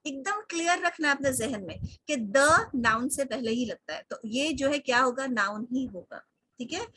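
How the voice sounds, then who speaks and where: A woman with a high, bright voice teaches an online English lesson. She spells words out slowly, says them again and again, and mixes English into her explanations. The sound is dry and close, from a computer mic on a video call. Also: animated, husky, no echo. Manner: slow careful spelling-out and repeating of words.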